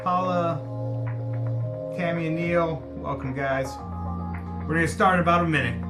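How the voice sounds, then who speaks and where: Speaking over music at a normal speed, a man with a voice on the high side hosts a community town hall by video call. As meeting host he's friendly and welcoming, though his moderation is thick with ums and uhs.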